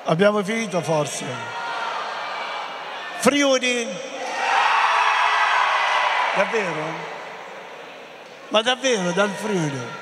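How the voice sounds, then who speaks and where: Bishop, male, high voice, very slow and teasing with the crowd, echoing hall with audience murmur. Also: lively intonation. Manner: playful, calling out questions to the audience. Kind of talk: greeting a large assembly. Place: large assembly hall. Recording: reverberant hall with crowd noise.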